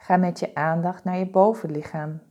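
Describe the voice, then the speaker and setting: In a lowish voice, a woman guides listeners through a body-scan meditation. Her instructions are calm, soothing and deliberate, broken up by pauses.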